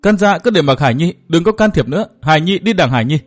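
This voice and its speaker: A man's voice: a little high, expressive, quick pace. A man voicing a headstrong, jealous young woman who argues emotionally with her godfather. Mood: tearful. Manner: emotional, pleading.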